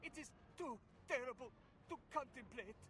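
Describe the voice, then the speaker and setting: A man's voice: extremely high pitch, lively intonation, moderate pace, pushed and bright, slight background noise, full character voice. An actor playing an earnest, stranded nobleman in a video game, speaking formally. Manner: formal, old-fashioned phrasing.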